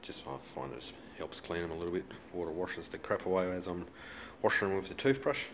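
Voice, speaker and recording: With a deep, a bit bright voice, lively intonation, and a fast pace, an Australian man offers casual, easygoing hands-on how-to commentary in colloquial terms. He's a hobbyist demonstrator, filmed on a noisy handheld home video.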